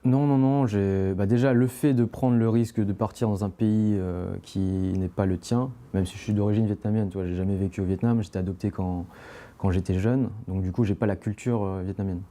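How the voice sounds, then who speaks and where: Dark-voiced young man, rambling. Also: on the low side, fairly even intonation, a little fast. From France. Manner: rambling, many "euh" fillers and restarts. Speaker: interview guest, climbing brand founder. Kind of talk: casual podcast conversation.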